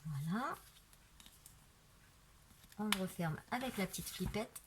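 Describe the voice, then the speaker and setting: A craft video maker, recorded by a camera on a tripod, casually shows off a handmade album, chatting as she turns each page and peppering her talk with "voilà" and "euh." Her medium-pitched voice is slow and expressive, with some background noise.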